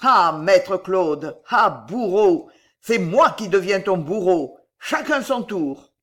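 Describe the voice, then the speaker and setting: A woman's voice: mid-range voice, animated, slow, fairly bright tone. Woman reader playing a cruel bohemian bandit in a storybook, growling cold threats. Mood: gloating. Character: brutal, menacing bohemian bandit man.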